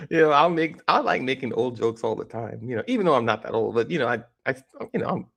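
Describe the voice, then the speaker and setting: A man's voice: mid-range voice, vocal fry. A man in his forties giving casual, opinionated reaction commentary on a video, rambling and joking as he goes. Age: 40s.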